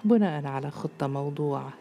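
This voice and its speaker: Low gravelly woman storyteller. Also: mellow, a little hiss or hum. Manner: slow, measured, intimate reading. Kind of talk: literary story narration.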